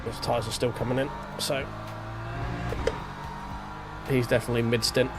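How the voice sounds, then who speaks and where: Streaming a racing game, this man keeps up casual live commentary for himself and his chat while he drives, his mid-range voice level and moderately paced. His nose sounds stuffed and congested. Game music and engine sounds play behind him.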